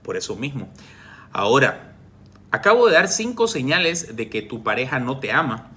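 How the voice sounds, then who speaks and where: A man's voice: medium pitch, big pitch swings, normal speed. Guy in his 40s doing a live relationship coaching stream, reads comments, talks straight, bit of a cough. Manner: warm direct advice, addresses viewers by name. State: coughing from reflux.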